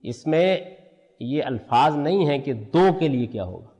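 A man's voice: fairly high pitch, very animated, darkish tone, long reverb tail. An older man teaching a religious lesson, explaining step by step and answering his own questions. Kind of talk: lecture on Quranic language.

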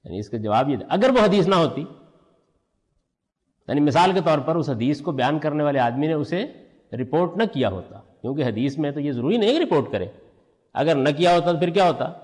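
A man's voice: a little high, lively intonation, a little mellow, long reverb tail. An older man teaching a religious lesson, explaining step by step and answering his own questions. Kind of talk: lecture on Quranic language.

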